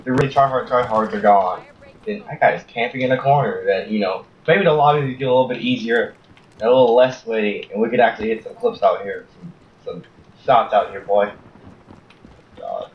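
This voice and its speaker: A young man hosting his gaming channel, giving casual, chatty commentary on his play and breaking into high, frustrated shouts. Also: brisk. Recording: distant, roomy, slightly dull mic with faint hiss.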